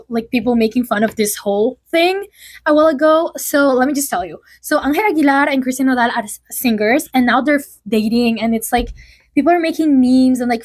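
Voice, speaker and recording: Young adult woman, slightly high voice, casual gossipy vlog delivery full of fillers. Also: a little mellow. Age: early 20s. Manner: chatty, filler-heavy, lots of "like". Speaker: vlogger.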